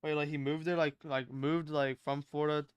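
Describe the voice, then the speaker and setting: A young man chats as co-host of a livestream in informal slang. His voice is strikingly clear and fairly monotone, with a mid pitch and a dry sound. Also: a little fast, no echo, highs cut off. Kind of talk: casual chat.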